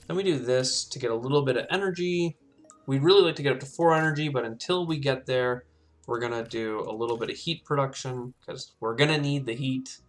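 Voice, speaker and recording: A man's voice: medium pitch, a little fast, faint music behind. A man commenting casually on his own game as he plays, thinking aloud and talking himself through each choice. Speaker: gameplay commentator. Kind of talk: casual let's-play commentary.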